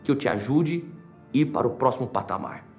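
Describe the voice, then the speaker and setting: A man's voice: mid-range voice, expressive, fairly quick, a little mellow, faint music behind, voice pushed down, close to an everyday voice. A man voicing a stern, blunt older male pastor who fires probing questions at a newcomer. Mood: firm.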